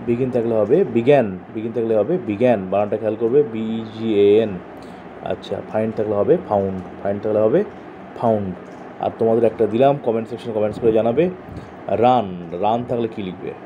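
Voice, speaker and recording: ফোনের মতো শব্দে একজন পুরুষ শিক্ষক. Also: male voice, fairly low pitch, fairly quick. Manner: drills verbs by asking and answering; spells words letter by letter. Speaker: tutor. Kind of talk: online coaching lesson. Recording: tinny phone-like sound, faint noise.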